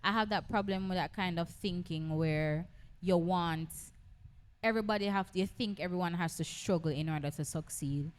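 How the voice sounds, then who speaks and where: Earnest Jamaican woman, lower voice. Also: moderate pace. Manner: earnest, preachy, slips into patois. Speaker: podcast co-host. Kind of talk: casual faith podcast chat.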